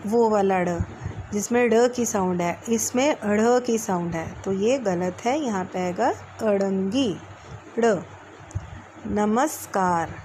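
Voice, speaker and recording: Woman schoolteacher, unhurried lesson delivery, drawn-out sounds, noisy recording with vehicles passing. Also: mid-range voice, darkish tone. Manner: slow, drawn-out sounding of letters and words. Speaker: school teacher. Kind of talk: recorded Hindi language lesson for children. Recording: clear background noise with passing vehicles.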